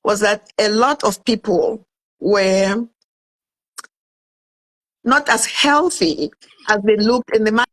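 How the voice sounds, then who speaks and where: Speaking slowly with long pauses, this mid-range voice belongs to a woman from Cameroon in her fifties, a guest who is an author and food entrepreneur. In a casual interview she recounts her story with animation, quoting and performing her own past remarks, and the recording is rough.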